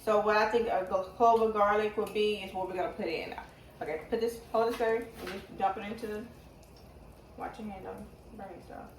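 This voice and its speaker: A woman's voice: medium pitch, fairly even intonation, fairly quick. Woman with braces in a roomy kitchen. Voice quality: speaking with braces. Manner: informal, thinking aloud. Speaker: home cooking vlogger. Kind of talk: casual cooking demonstration. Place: home kitchen. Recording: roomy, distant mic, faint noise.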